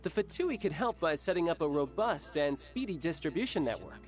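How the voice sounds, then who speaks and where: An actor playing a charming, cocky young soldier who talks in a breezy, smooth and playful way. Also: male voice, a little high, sing-song, brisk, soft background music. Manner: breezy, laughing, smooth talk.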